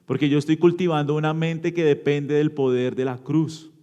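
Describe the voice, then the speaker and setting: Guy preaching in church, slightly high voice, keeps asking the crowd stuff then answering it himself, gets loud then drops real low. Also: fairly even intonation, normal speed, clean tone, lo-fi sound. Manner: asks the congregation questions and answers them; swings between loud emphatic bursts and low quiet endings. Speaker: pastor. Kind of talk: interactive sermon teaching.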